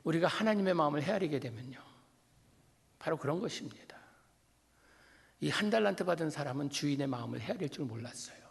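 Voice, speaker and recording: A middle-aged man from Korea, a guest pastor preaching a revival sermon, telling stories animatedly and swinging from loud to hushed. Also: a little high, animated, fairly quick, creaky, pauses often, slightly rough. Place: church sanctuary. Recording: long church hall reverb.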